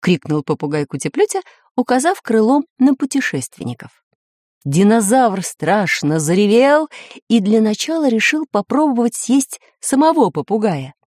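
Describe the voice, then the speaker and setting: A woman narrating a children's storybook in an expressive, animated way. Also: on the high side, moderate pace, no echo, studio quality. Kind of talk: storybook reading.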